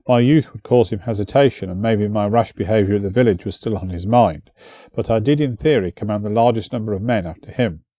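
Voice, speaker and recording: A man narrating an audiobook in a measured storytelling manner on a close studio mic. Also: lowish voice, dark tone, dry recording, dull audio.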